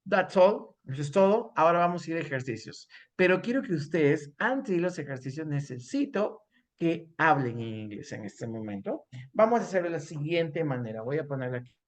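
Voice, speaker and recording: A man teaching an English class in Spanish and English, repeating example sentences slowly for his students. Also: a little high, sing-song.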